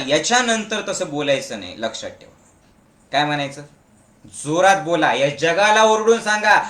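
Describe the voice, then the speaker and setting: A man leading a motivational meditation camp, forcefully urging his listeners to shout back, mixing in Hindi and English phrases. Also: fairly high pitch. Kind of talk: motivational speech to an audience. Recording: echoey room.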